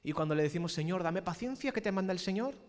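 A man from Spain preaching a sermon as pastor, animated and playful, with shouted peaks. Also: sits high, fast, in a large hall. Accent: Spanish from Spain.

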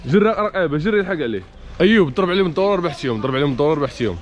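A young man with a Moroccan accent hosting a challenge game, urging the players on with rapid repeated calls and frequent laughter. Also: a little high, animated, dull audio. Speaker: host running a challenge game. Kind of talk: energetic game commentary.

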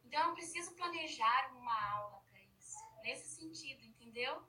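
High-voiced woman educator, bright tone, heard from off-mic. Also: animated, normal speed, far from the mic, low-quality recording. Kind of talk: casual conversation. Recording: voice a bit off-mic.

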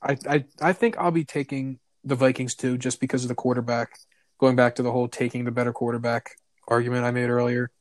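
A man's voice: mid-range voice, little pitch movement, fast, no echo. A man talking as a guest on a casual sports podcast, rambling and often restarting his sentences. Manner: rambling, hesitant, repeats words.

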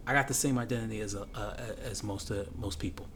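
A man's voice: fairly low pitch, fast talker, fairly bright tone, slight background noise. A man speaking earnestly in a casual conversation and building up to his points.

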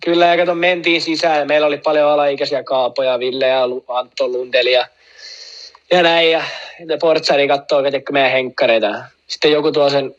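Speaking in a slightly high, fairly level voice, this guest wanders through a lengthy anecdote in a casual way. He piles on fillers and digressions and chuckles at his own story, all captured on a muffled recording.

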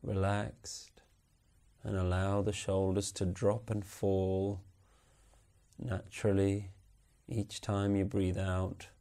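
A man guiding a body relaxation meditation with slow, soothing, unhurried instructions. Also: deep voice, completely flat delivery, warm tone. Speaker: meditation guide. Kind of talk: guided relaxation script.

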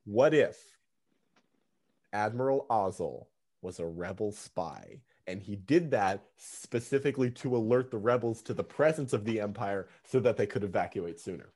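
A man co-hosting a casual movie podcast, enthusiastic and quick to laugh. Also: fairly low pitch. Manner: enthusiastic, animated, laughs often. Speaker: podcast co-host.

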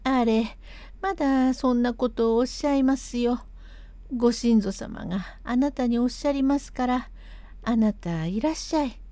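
A woman's voice: on the high side, moderate pace, no room sound, natural voice. A woman voicing an eager young maidservant who coaxes a guest and answers her mistress with dutiful politeness. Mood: coaxing. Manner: bright coaxing servant's politeness.

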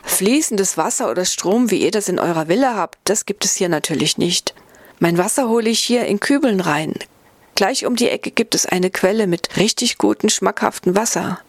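A woman's voice: medium pitch, animated, moderate pace, no room sound. A woman doing a kindly old hermit monk. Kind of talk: storybook reading.

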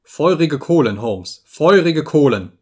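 A man reading an audiobook, voicing a cruel, mocking visitor who taunts a sick man in a sharp tone. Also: a little high, lively intonation, slow, slightly rough, voice pushed up, exaggerated voice. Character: sneering sinister male visitor, mocking and cruel.

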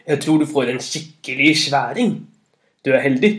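A big, boastful thunder god bellows with a hearty, laughing cheer in this children's storybook reading. His voice rides high and loud, full of confidence and warmth toward his friend, as a male narrator puts him on. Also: expressive, close to an everyday voice.

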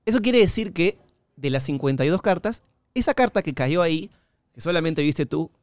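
A man from Peru hosting an interview, showing his guest a card trick with slow, theatrical instructions. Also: a little high, lively intonation, no room sound. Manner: warm, theatrical when leading a card trick. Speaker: interview host and amateur magician. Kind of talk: casual interview conversation.

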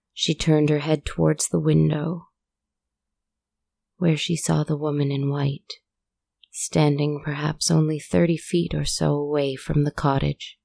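A woman narrating a story in a measured, deliberate way. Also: deep voice, vocal fry, mellow, no room sound.

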